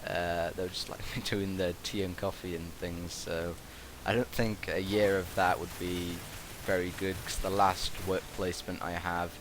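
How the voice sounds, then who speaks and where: Low-voiced young British man, casually rambling. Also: little pitch movement, normal speed, few pauses. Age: young adult. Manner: hesitant, meandering. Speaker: gaming video commentator, university student. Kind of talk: casual rambling vlog commentary. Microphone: gaming headset. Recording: constant buzzing, hissy background noise. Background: constant buzz and hiss.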